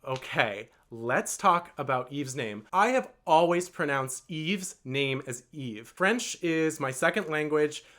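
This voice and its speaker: A man's voice: a little high, animated, takes it slowly, few pauses, pushed and bright. A man telling a long storytime vlog in an earnest, rambling way, full of "like" and "um". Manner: rambling and earnest, with many "like" and "um" fillers. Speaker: vlogger.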